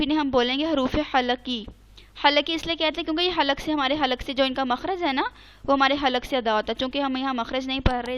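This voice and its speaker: High, clear-voiced woman teaching recitation. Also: a bit bright. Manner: patient, explains step by step and spells out letters slowly; mixes English words into Urdu. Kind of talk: online tajweed lesson.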